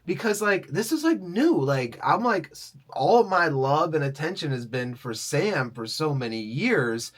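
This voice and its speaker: A man's voice: fairly high pitch, very animated, a little slow, few pauses, a bit bright. Rambling man in casual chat. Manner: rambling, heavy use of "like". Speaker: podcast co-host.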